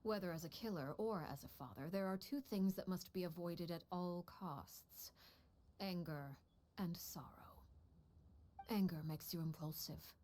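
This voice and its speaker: A woman voices the head of an assassin household in a video game, a cold, stern mother figure who is called Father. In this story dialogue she speaks low and measured, often close to a whisper, with a dark, natural tone and an icily, coldly composed mood.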